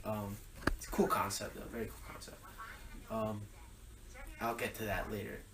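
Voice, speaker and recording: A young man rambles through a story in relaxed podcast chat, full of ums and restarts. His voice sits back from the mic in an echoey room with faint noise behind. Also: lowish voice, normal speed, far from the mic. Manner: rambling storyteller with frequent fillers. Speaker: podcast co-host. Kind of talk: casual chat.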